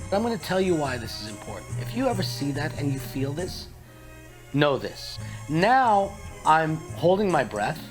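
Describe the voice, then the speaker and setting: A young man telling a comic story in a playful, mock-dramatic way. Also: medium pitch. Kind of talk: comedic storytelling monologue.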